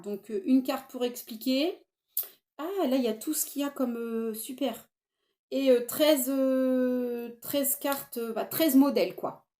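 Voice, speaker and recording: A woman's voice: on the high side, warm tone. A middle-aged woman chatting enthusiastically to camera about knitting, with frequent fillers and restarts. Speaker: knitting podcaster. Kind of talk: casual chat to camera.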